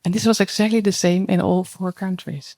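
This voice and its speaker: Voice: mid-range voice, level tone, brisk, a little mellow. Panelist speaking in plain, short sentences. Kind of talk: panel discussion, storytelling.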